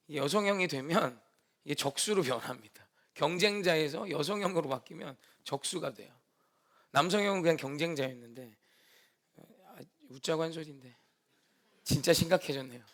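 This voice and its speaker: A man's voice: high voice, gravelly, fairly bright tone. A male pastor preaching a Sunday sermon with dramatic emphasis, sometimes acting out the people in the story. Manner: preaching with dramatic emphasis, acts out quoted speech.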